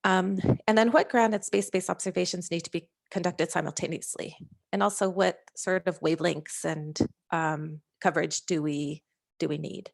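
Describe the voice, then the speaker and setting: A woman scientist presenting slides over a video call, talking in a halting way with frequent fillers and restarts. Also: on the low side, fairly even intonation, creaky. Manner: hesitant, many fillers and restarts. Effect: heard over a video call. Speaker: scientist presenting a working-group overview.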